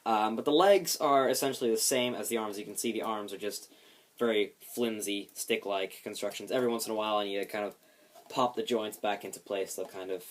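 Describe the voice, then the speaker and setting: A man's voice: on the low side, a little fast. A man giving a casual hands-on demonstration of a homemade build, explaining it with light self-deprecation.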